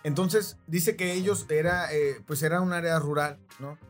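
With a slightly high voice and a Mexican accent, a man hosts a podcast at a moderate pace, telling a rambling story and frequently checking in with his listeners. Faint music plays behind him.

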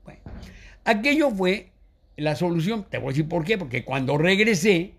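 An older man with a Mexican Spanish accent, telling family stories as an interview guest, animated, acting out what others said. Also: high-pitched, normal speed. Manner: animated, acts out quoted voices. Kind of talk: storytelling in a casual interview.

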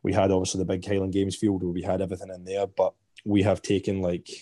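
A man's voice: sits low, monotone, fast talker, warm tone, no echo, clean studio sound. A Scottish man chatting as a podcast guest, rambling with many fillers and restarts. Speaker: podcast guest, festival organizer. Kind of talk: casual podcast chat.

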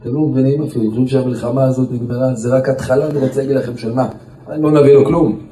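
A man, a rabbi, telling stories of a holy sage in a dramatic, animated sermon. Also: mid-range voice, distant mic. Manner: animated, dramatic storytelling, rising to shouts for emphasis. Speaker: rabbi and preacher. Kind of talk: storytelling sermon at a gathering. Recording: echoey hall with faint music.

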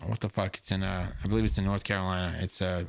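A man co-hosting a casual podcast, mocking his friend with profane, animated banter. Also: deep voice, fast talker, vocal fry. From United States. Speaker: podcast co-host.

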